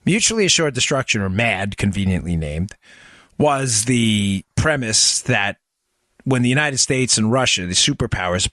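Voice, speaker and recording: A man's voice: mid-range voice, fairly bright tone, dry recording, clean studio sound. A man hosting a political talk show, explaining points emphatically to his listeners and often restarting his sentences. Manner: emphatic, talks straight to listeners, frequent restarts.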